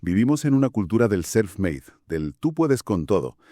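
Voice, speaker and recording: Deep-voiced man, measured. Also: sing-song, warm tone, dry recording, studio quality. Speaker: podcast co-host. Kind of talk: scripted conversational Bible study podcast.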